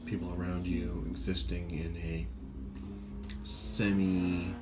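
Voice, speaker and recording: A man's voice: low voice, flat delivery, a little slow, over music. A man hosting a podcast in casual chat, rambling and swearing freely as he acts out quoted voices. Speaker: podcast host. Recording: faint background noise, birds outside.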